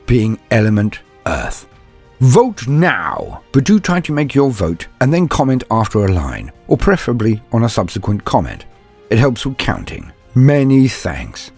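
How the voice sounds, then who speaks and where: This storyteller and host has a medium-pitched voice that's gravelly, husky, and a little mellow, and he speaks unhurriedly yet very animatedly. His scripted channel address and dramatic first-person story use theatrical, courtly phrasing, with music playing behind.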